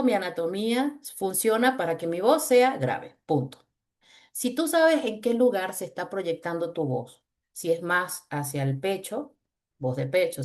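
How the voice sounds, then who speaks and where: Woman, low chest voice, lively teasing delivery, webinar over a video call. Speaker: voice coach leading a webinar. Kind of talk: webinar talk with exercises.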